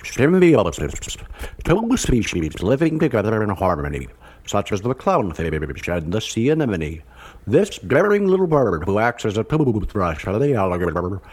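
A man's voice: fairly low pitch, sing-song, moderate pace, a little mellow, husky. A man voicing a solemn, tongue-in-cheek nature documentary narrator for a comic story. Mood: solemn, wry.

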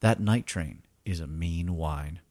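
A man narrating a scripted story as podcast host, in a wry, theatrical, deliberate manner. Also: sits low, darkish tone, no room sound, studio quality.

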